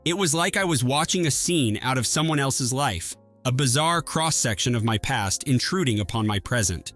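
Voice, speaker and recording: A man telling a first-person story in an even, measured scripted narration. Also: mid-range voice, soft background music.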